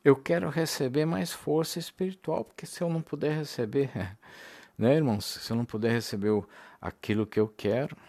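A man's voice: medium pitch, fairly quick, mellow, no echo. A male preacher giving a sermon in a conversational way, speaking directly to the congregation as brothers.

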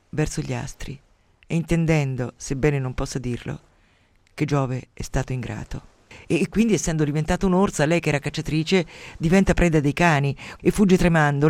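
Radio guy retelling an old myth, dramatic with little wry asides, fairly high voice, dry studio sound. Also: darkish tone, no echo. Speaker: radio storyteller. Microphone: studio mic.

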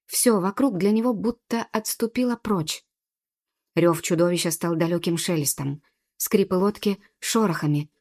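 A woman narrates a storybook with vivid, dramatic delivery. Her voice sits on the low side for a woman. She reads with clear, expressive phrasing. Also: normal speed. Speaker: audiobook narrator.

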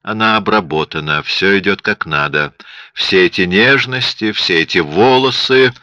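A man voicing a menacing male killer with a low, quiet, threatening voice, on dull lo-fi audio. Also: normal speed, no echo.

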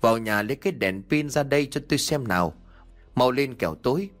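A man's voice: medium pitch, animated, a little fast, faint music behind, pitched above the performer's own voice, natural voice. A man voicing a scheming, cruel elderly wife who bosses and scolds her husband in a ghost story. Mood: scolding. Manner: bossy, scolding.

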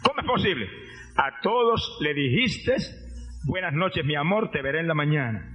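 A man's voice: on the high side, expressive, moderate pace, pitched below the performer's own voice. A man voicing a young wayward son who pleads and cries out to God in a sermon story. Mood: pleading. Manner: pleading, then shouting in joy. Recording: dull lo-fi recording, faint music.

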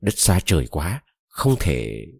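A man's voice: extremely low pitch, wildly swooping pitch, slow, vocal fry, husky, no echo, heavily acted. A man voicing a desperate, lovesick young woman who pleads tearfully, read close to a dry mic.

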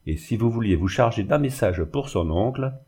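A man's voice: on the low side, expressive, normal speed, warm tone, breathy edge. A man reading the part of a bitter, sarcastic middle-aged glassmaker in a storybook reading. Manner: sarcastic and sneering.

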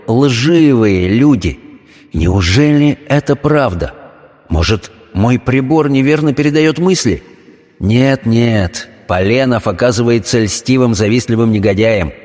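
A man's voice: mid-range voice, a little mellow, in a large hall. A man voicing a distraught middle-aged doctor and father in a spoken story, agitated and near tears.

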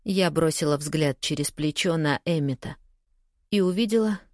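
A woman narrating an audiobook in the first person, reading in a steady, measured way. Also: low voice, no room sound, studio quality.

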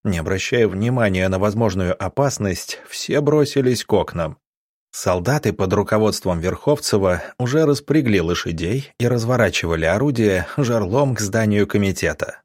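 A man with a lowish, husky voice reads an audiobook. He lifts his pitch when voicing characters. The sound is dry and close, with no room echo. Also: expressive, normal speed. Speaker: audiobook narrator. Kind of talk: scripted audiobook narration.

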